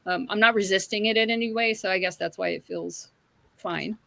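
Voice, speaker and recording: A woman's voice: mid-range voice, steady tone, fairly quick, gravelly, fairly bright tone, dry recording. A middle-aged woman chatting openly and reflectively in a casual group conversation, with frequent fillers. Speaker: hangout participant.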